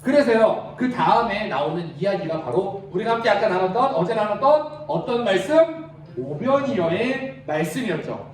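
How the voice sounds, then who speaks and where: A man with a high voice preaches to a youth group, pausing to ask questions and draw the room into answering. He is picked up from a distance in a large, very echoey retreat hall. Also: expressive, slight background noise. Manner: asks the crowd questions and leads them in reading aloud. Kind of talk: interactive sermon. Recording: very echoey hall, mic far off.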